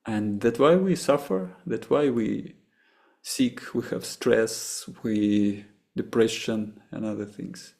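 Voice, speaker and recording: A man from Russia with a Russian accent, a meditation teacher answering questions after a session, halting and often restarting as he searches for words. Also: on the low side, creaky, a little mellow.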